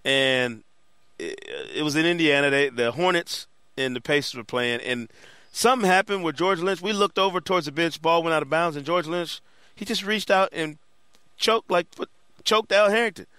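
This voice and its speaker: Bright, animated sportswriter man. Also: fairly high pitch, normal speed, clear, resonant tone, dry recording. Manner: animated, slangy storyteller. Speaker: sportswriter and co-host. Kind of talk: casual sports chat.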